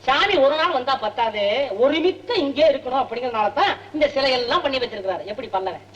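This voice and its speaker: Playing a broke, wisecracking tour guide in a film comedy, a male actor trades rapid, joking banter in a cheeky mood. His very high-pitched voice is animated and fairly bright, though the audio sounds dull.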